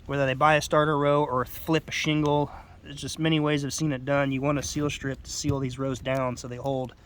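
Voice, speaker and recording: A roofer with a stuffed-up nose narrates his own video outdoors on a house roof, rambling plainly and informally through an unscripted hands-on explanation. His congested voice sounds nasal, mid-range and a bit bright, with little pitch movement and a fairly quick pace. There's slight background noise.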